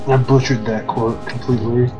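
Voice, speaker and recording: A man's voice: medium pitch, little pitch movement, brisk, lo-fi sound. A man commentating on a tank game as he plays, calling out targets and dryly teasing his partner. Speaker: gamer. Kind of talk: casual gameplay chat. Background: game music and tank sounds.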